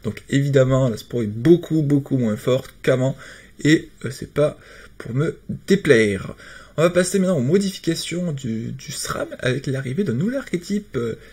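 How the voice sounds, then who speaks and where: A man's voice: mid-range voice, animated, moderate pace, a little mellow, husky. A man giving casual commentary on a card game patch. He hesitates often and restarts his sentences. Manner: hesitant, many fillers and restarts.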